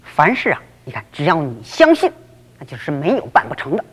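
A calm, authoritative male teacher, voiced by a woman storyteller, stern and unhurried. The voice is a little husky and rings in a long reverb. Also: low voice, voice pushed down, heavily acted.

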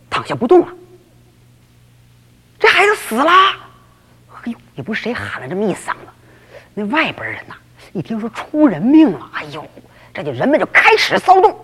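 A woman storyteller tells her tale in the old oral style, exclaiming often. Her fairly high voice rises and falls a great deal and sounds a little breathy. It all rings in a long reverb. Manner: lively, exclamatory, many interjections.

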